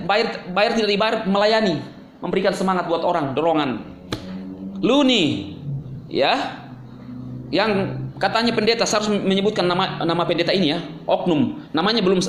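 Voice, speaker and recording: High-voiced man ranting in an echoey room. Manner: scolding, sarcastic, confrontational. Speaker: YouTube channel host. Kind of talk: angry ranting monologue to camera.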